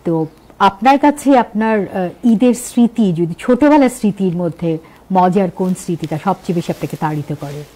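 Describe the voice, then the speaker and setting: A Bangladeshi woman hosts a festive TV talk show. Her voice is soft-edged and warm in tone, at a middle pitch, as she sets out questions in rolling lists. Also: normal speed, low-quality recording.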